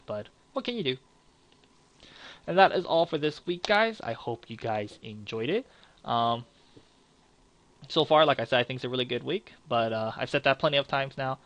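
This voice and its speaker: A man's voice: mid-range voice, a bit bright, no room sound. A young man giving casual, frank card game commentary, rambling with fillers and restarts.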